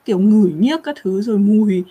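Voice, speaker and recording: Quick-talking husky young woman. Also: medium pitch, dull audio. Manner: chatty and animated, answers viewer questions. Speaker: livestream host. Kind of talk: casual chat.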